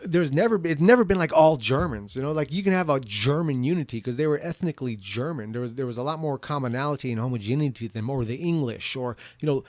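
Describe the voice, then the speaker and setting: Male commentator, mid-pitched and closely dry-recorded, rambling monologue with stop-start, repetitive phrasing. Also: animated, darkish tone, dry recording. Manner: halting, repeats words and restarts sentences often. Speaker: video commentator answering viewer questions.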